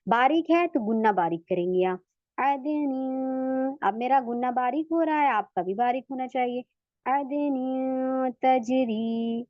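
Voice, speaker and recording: A woman with a fairly high voice teaches a recitation lesson to women, patient and step-by-step, stretching sample words out slowly to show how they sound. The recording is dull and lo-fi, with a dry sound close to the mic. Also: no room sound. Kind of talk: online tajweed lesson for women.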